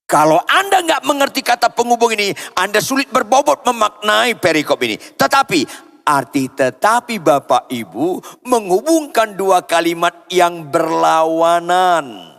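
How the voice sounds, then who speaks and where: A man from Indonesia preaching a sermon as pastor in a church, swinging from loud cries down to low murmurs and calling out to the congregation for answers. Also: lively intonation, unhurried, vocal fry, soft background music. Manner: asks the congregation for responses. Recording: long church hall reverb.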